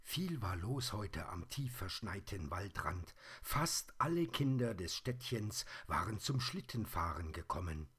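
A man reading a children's storybook aloud in a calm, soft, unhurried manner. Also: deep voice, slightly rough.

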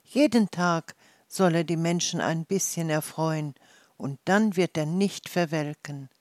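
A reader voicing a gentle, kindly female forest fairy in a storybook, speaking softly and half-whispered. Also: mid-range voice, a little slow, dry recording, clean studio sound, close to an everyday voice. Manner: soft, murmuring and half-whispered.

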